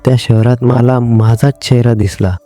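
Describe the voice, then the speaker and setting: A man's voice: mid-range voice, fairly even intonation, moderate pace, dark tone, soft background music, close to an everyday voice. A man doing a frightened young man. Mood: anxious. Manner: anxious, questioning. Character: frightened young man drawn into a haunted city.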